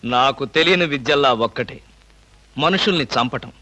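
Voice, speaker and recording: An actor playing a mischievous, scheming husband in a film comedy, talking in a teasing, theatrical way. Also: male voice, medium pitch, moderate pace, pushed and bright, natural voice. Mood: deadpan. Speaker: husband, office worker.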